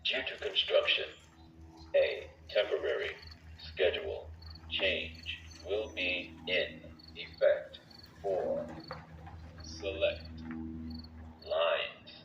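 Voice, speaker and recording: A man giving an automated public announcement over a station loudspeaker, with a slow, measured, formal delivery. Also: low-pitched, expressive, noisy background. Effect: heard over a station loudspeaker. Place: outdoor train platform. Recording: echoey, dull loudspeaker from far off.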